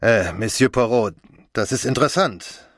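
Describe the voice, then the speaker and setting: A man's voice: mid-range voice, expressive, normal speed, dry recording, studio quality, voice pushed up. A man doing an effusive French police commissioner. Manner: eager, effusive, fussy. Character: excitable middle-aged male French police commissioner. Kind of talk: audiobook character voice.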